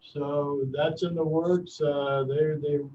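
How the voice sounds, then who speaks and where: A mayor giving his report to a council, sounding distant and muffled as if speaking from inside a well over a call-in line, pausing often with filler sounds. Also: fairly high pitch, little pitch movement, mellow, a little hiss or hum. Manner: halting, many filler pauses. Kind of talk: administrative report at a council meeting. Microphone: remote call-in line.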